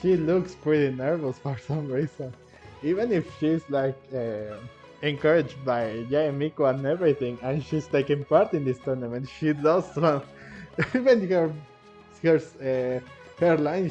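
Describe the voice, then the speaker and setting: Over faint game music and through a dull, muffled mic, a gaming streamer with a fairly high, mellow voice rambles through casual commentary on his playthrough. He keeps repeating himself and chuckles between phrases.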